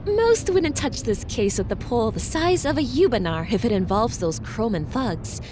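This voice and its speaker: An actress playing an anxious, proper, well-off wife in a noir audio drama, speaking earnestly and formally. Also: female voice, a little high, sing-song, moderate pace. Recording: clearly noisy background ambience.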